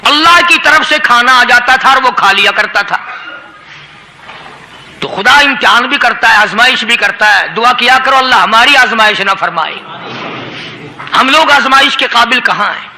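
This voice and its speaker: A man's voice: very high voice, slight background noise, low-quality recording. A man with a Pakistani Urdu accent preaching an Islamic sermon, telling a story with impassioned, rising delivery. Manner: impassioned, rising to loud emotional peaks.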